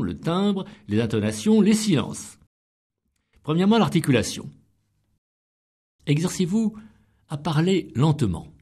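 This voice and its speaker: A middle-aged man giving scripted instruction on public speaking, deliberate and emphatic as he counts off each point. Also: medium pitch, mellow, slightly rough.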